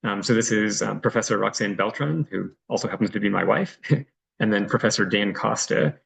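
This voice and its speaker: A man's voice: fairly low pitch, fairly quick, gravelly, a bit bright. A man giving a friendly, loose online presentation over a video call, as a reserve director, with frequent ums. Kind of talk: online presentation with screen sharing.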